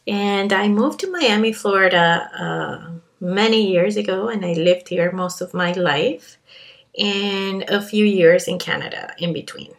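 Speaking into a podcast mic, this woman in her thirties from Colombia tells her personal story as host, her accent clearly Colombian. Her voice is medium in pitch, gravelly, and unhurried, and her earnest, confiding delivery includes fillers and restarts.

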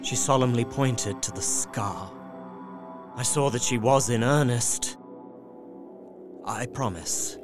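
An actor playing Jonathan Harker, an anxious and devoted young husband, narrates his diary in an audio drama, earnest and subdued. His medium-pitched voice takes it slowly with frequent pauses, sounding natural over background music.

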